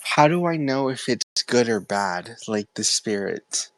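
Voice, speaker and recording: A man's voice: medium pitch, expressive, fairly bright tone, dry recording. A young man calling in, talking hesitantly with many fillers about his family and spirits. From Texas. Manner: hesitant, halting, with many likes and ums. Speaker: caller. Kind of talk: casual talk.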